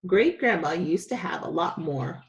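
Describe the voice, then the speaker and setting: Her fairly low voice moving at normal speed, a teacher reads a children's story aloud in an expressive, dramatic style. The audio sounds dull.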